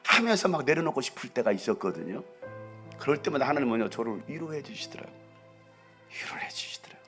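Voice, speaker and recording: A middle-aged man, a pastor, preaching a passionate sermon that swings from hushed storytelling to shouting climaxes. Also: mid-range voice, big pitch swings, quick pace, faint music behind.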